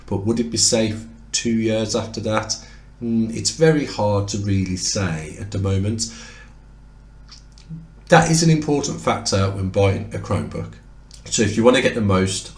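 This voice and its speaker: Fairly low in pitch with a darkish tone, this man is losing his voice as he reviews two laptops side by side. A tech reviewer, he explains casually, now and then correcting himself mid-word, and the recording has a roomy, echoing sound.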